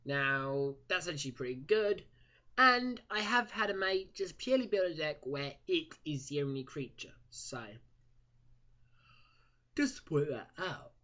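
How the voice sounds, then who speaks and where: A man's voice: a little high, animated, measured pace, pushed and bright, muffled recording. A man casually reviewing trading cards in a chatty way, stumbling over card names and joking at himself.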